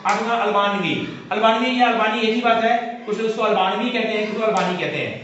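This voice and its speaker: A man giving a measured, explanatory classroom lecture, speaking directly to his students. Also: high-pitched, a bit bright. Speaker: teacher. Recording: echoey room, far from mic, dull lo-fi sound, faint hiss.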